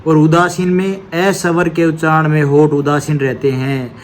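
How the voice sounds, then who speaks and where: A man with a somewhat high voice teaches an exam-prep grammar lesson. He explains patiently, step by step, asks a question and answers it himself, and checks each point with a quick "okay". A faint noise sits under his voice. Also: flat delivery.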